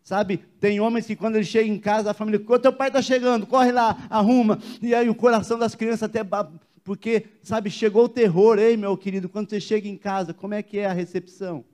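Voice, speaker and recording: A Brazilian man preaching at a church service in a high voice. He preaches emphatically and keeps putting rhetorical questions to the congregation. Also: flat delivery, quick pace, warm tone. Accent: Brazilian Portuguese. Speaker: pastor. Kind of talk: sermon.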